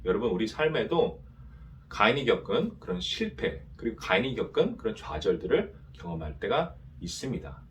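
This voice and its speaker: A man's voice: on the low side, sing-song, normal speed, a little hiss or hum. A male pastor preaching to a young adults' service, asking rhetorical questions and having the congregation repeat after him.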